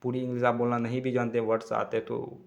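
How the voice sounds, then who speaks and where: A man teaching basic words in a casual spoken lesson, halting and correcting himself, repeating each word slowly. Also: medium pitch, monotone, vocal fry, highs cut off. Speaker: language teacher. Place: Tamil-speaking region.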